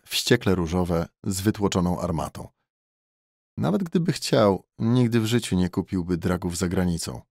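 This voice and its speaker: A man reading an audiobook in a steady, measured narration. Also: deep voice, no room sound, clean studio sound.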